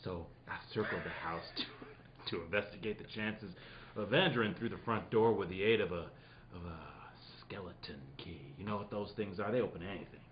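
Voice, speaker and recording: A man's voice: lowish voice, brisk, lo-fi sound, a little hiss or hum, close to an everyday voice. A man playing Sherlock Holmes as a nonchalant, theatrical detective in an old-time radio mystery, with playful asides. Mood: storytelling, playful. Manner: playful, breaking off into asides and laughter. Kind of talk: hammy old-time radio mystery read, with joking ad-libs.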